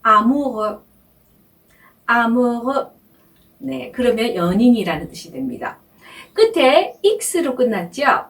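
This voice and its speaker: A woman teaching French pronunciation in a slow, patient lesson, repeating each word and filling pauses with soft sounds. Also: on the high side, huge pitch swings, creaky, far from the mic. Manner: patient, repeats words slowly, many soft fillers.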